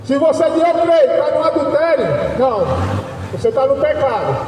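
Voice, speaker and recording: A man preaches a fiery street sermon in a very high, mellow voice. He shouts his points and keeps checking in with a questioning "né?". The sound is distant and heavily echoey, with a long reverb and faint ambience behind him. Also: lively intonation, normal speed, slight background noise. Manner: shouting, insistent, repeats "né?".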